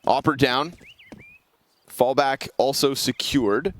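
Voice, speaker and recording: A man's voice: medium pitch, slow, noisy background. A man calling an esports match play by play, with dramatic, punchy caster delivery.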